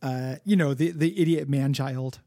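A man's voice: mid-range voice, moderate pace, dark tone, no room sound, studio quality. A man co-hosting a casual comic book podcast, talking loosely with joking, wry asides. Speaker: podcast co-host.

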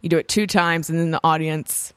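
A woman's voice: deep voice, steady tone, fairly quick, fairly bright tone, clean tone, no echo, clean studio sound. A hungover woman chatting casually as a podcast co-host, telling stories in a candid way. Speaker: podcast co-host and amateur comic. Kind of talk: casual chat.

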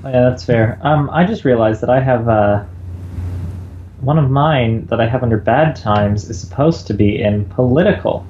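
A man's voice: medium pitch, normal speed, darkish tone. A man co-hosting a podcast, heard over a bad video-call connection and talking earnestly. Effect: bad call connection, dull lo-fi audio. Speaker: podcast co-host. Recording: lo-fi roomy video call audio with faint background noise.

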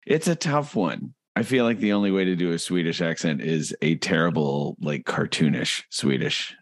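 A man co-hosting a comedy podcast, trading dry jokes and quick banter in casual chat. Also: low-pitched, no echo. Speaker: podcast co-host.

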